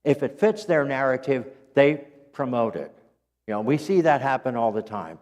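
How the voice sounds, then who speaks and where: A man teaching a Sunday school class, reading quotations aloud in an earnest, unhurried way and stopping now and then to clear his throat or correct himself. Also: mid-range voice, expressive, a little mellow, in a large hall, dull audio. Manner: corrects himself mid-sentence. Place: church.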